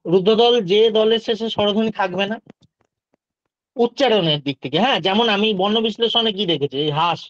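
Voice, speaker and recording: A man teaching an exam-prep lesson with a Bengali accent, his voice pitched noticeably high. He explains patiently and one step at a time. The sound is dry and a little dull and lo-fi. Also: moderate pace, no echo. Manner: patient, explains step by step, takes student questions.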